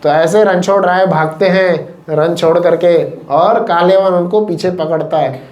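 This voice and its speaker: A man telling a devotional story as a sermon to listeners, lively and animated, acting out quotes along the way. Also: high voice, a little slow. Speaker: kirtan storyteller.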